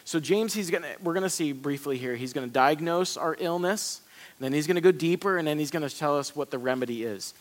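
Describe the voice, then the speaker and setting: A man's voice: on the high side, fast talker. Earnest man preaching a sermon. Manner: earnest, conversational preaching with frequent restarts and repeated words. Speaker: pastor.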